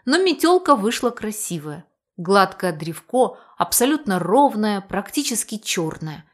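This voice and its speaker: A woman reading an audiobook in the first person, in a lively, expressive storytelling manner. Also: mid-range voice, measured pace. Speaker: audiobook reader.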